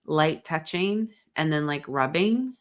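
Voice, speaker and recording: In a casual podcast conversation, a woman co-host with a deep, low voice rambles slowly and expressively about her week, open and frank, swearing often and leaning heavily on "like." Her congestion from a sinus infection is audible.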